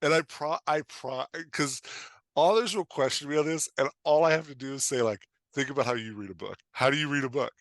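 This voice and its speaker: A man talks about his craft on a podcast, where he appears as a guest and coach, in a fairly quick, mid-range voice. His conversational style is blunt, informal, animated, and emphatic, full of "like" and "right?" and acted-out reactions from imagined readers. No room sound comes through.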